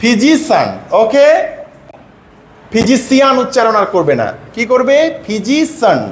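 A man tutoring one student in pronunciation, patiently repeating words slowly and quizzing the student. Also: extremely high pitch, sing-song, roomy sound, slight background noise. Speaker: English tutor.

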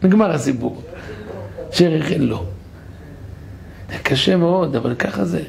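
A man, a rabbi, giving a sermon in a synagogue and telling a parable with animated delivery. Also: a little high. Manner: animated storyteller, gravelly. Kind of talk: sermon with storytelling.

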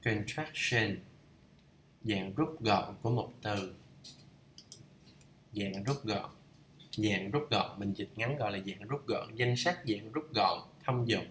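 A man's voice: fairly low pitch, slow pace, pauses often, a bit bright, roomy sound, a little hiss or hum. A man teaching English, reading a lesson aloud and patiently repeating each pronunciation. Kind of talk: bilingual lesson read-through.

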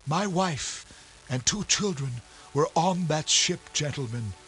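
Dying bitter old sea captain, voiced by a man, gasping and slow, raised pitch, lively swings in tone. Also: faint music behind, low-quality recording. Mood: grieving. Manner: gasping, grave, drawn-out delivery.

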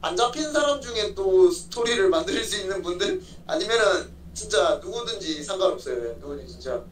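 Young male fighter, interviewee. High voice, polite and halting, repeats himself. Echoey, distant phone audio. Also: animated. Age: young adult. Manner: polite, halting, often repeats his own phrases. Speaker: MMA fighter being interviewed. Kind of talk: casual remote interview answers. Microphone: phone at arm's length, video call. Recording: echoey room, far-off mic, faint noise.

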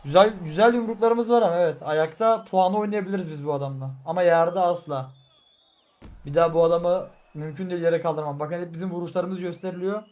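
Excitable young man commentating gameplay. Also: high voice, brisk. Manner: frustrated, excitable, swings between muttering and shouting. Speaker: gaming streamer. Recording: faint crowd and game noise behind.

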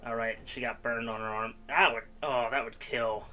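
A young man talks through a story game in a loose, rambling way, poking fun at himself as he goes. His voice sits at an ordinary middle pitch. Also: fairly even intonation, sharp tone, faint music behind. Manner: rambling, self-mocking, quick laughs. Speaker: gaming YouTuber. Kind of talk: casual let's-play commentary.

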